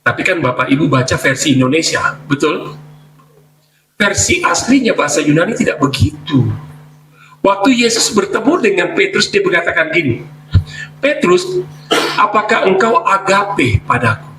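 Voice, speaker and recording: A man preaching a sermon to his congregation, animated, acting out quoted dialogue and speaking to them directly. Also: on the high side, moderate pace. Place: church hall. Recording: echoey church hall, mic at a distance, faint music.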